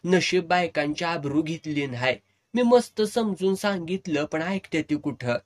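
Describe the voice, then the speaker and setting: A man's voice: on the high side, unhurried. A man reading a serialized novel aloud, telling it in the first person in dialect. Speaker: storyteller.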